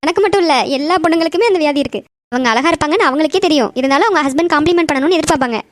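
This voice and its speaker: Woman doing a squeaky teasing young bride. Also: dry recording, clean studio sound, natural voice. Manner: teasing, fast chatter.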